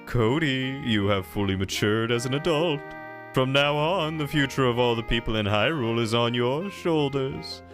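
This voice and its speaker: A man's voice: medium pitch, moderate pace, natural voice. A man voicing a mysterious young warrior who gives cryptic, solemn advice in a slightly raised voice. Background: game music.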